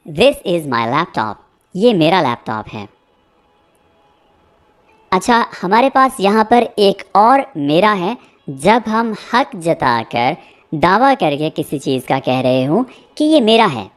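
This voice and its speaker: A man teaching a spoken English lesson. He repeats example sentences slowly and checks in often with "theek hai.". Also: sits high, sing-song. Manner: explains with frequent "theek hai" check-ins.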